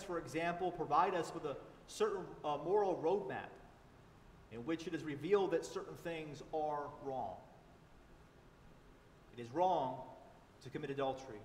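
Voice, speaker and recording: A man's voice: on the high side, recorded from a distance, slight background noise. Preaching man in an echoey church. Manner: earnest preaching with emphatic repetition. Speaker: pastor. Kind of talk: sermon. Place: large church sanctuary. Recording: echoey church livestream from afar.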